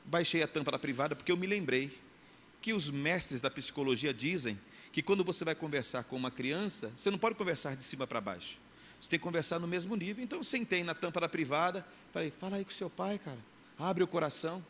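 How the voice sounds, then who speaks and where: Bright Brazilian pastor preaching in a reverberant church. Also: male voice, on the high side, fast talker. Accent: Brazilian Portuguese. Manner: animated storyteller, acts out scenes. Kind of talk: sermon. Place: church hall. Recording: long church reverb, faint room noise.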